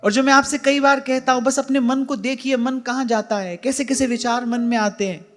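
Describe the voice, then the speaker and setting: A man's voice: very high-pitched, fairly even intonation, moderate pace, a bit bright, soft background music. Earnest man giving a devotional sermon. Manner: earnest, repeats key phrases for emphasis; addresses listeners directly as "brother". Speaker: spiritual teacher. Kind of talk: devotional discourse. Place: ashram hall.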